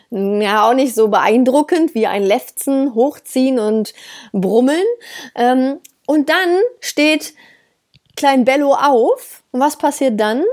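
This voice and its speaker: Woman, dog trainer, high voice, casual, blunt, emphatic, laughs often. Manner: direct, blunt, with frequent laughs and emphatic stresses. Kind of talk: casual talk to listeners.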